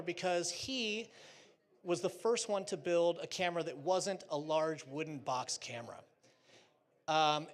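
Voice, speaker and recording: A man giving a casual, chatty presentation with slides on stage at a live trade show, joking lightly between fillers. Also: high voice.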